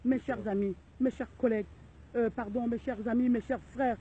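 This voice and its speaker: A woman's voice: fairly high pitch, steady tone, moderate pace, mellow, husky. Impassioned middle-aged woman, tinny audio. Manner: indignant, repetitive, rallying cries. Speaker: vlogger addressing viewers. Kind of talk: impassioned video appeal. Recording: tinny phone-like audio with faint noise.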